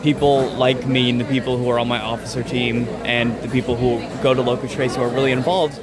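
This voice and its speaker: A young man from Lexington, chatting earnestly and haltingly in a casual interview. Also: mid-range voice, level tone. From Lexington, Kentucky. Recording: loud crowd chatter in busy venue. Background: loud crowd in a public space.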